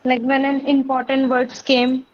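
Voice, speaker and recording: A woman's voice: high-pitched, monotone, a little slow. A female student answering her teacher's question in class. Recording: dull lo-fi connection, faint noise.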